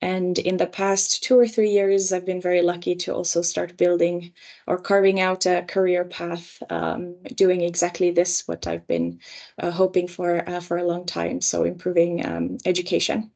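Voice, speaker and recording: A young woman raised in Romania and Finland, giving a measured career panel talk with frequent ums and uhs. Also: on the low side, gravelly, darkish tone.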